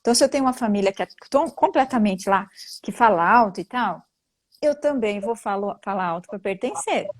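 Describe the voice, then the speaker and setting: A woman's voice: lively intonation, a little fast. A woman, a family constellation facilitator, explains things earnestly and like a teacher during a live-stream talk. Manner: earnest, teacherly, with frequent rising pitch jumps.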